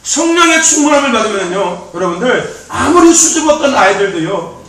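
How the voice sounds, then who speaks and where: A man youth pastor preaching a sermon in a church, animated and repetitive, laughing often as he talks. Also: very high-pitched, a little fast. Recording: very echoey, distant mic.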